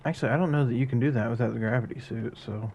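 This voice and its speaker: A man's voice: medium pitch, racing, vocal fry, darkish tone, a little hiss or hum. A man giving casual, chatty commentary as he streams a video game, muttering at it when it goes wrong.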